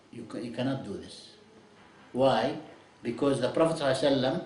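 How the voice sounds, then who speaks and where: Man teaching a lesson in an echoey room. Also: a little high. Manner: explains in English with Arabic phrases, asks "you see?", "okay?"; lively, chuckles at his own examples. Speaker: Islamic studies teacher. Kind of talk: classroom lecture.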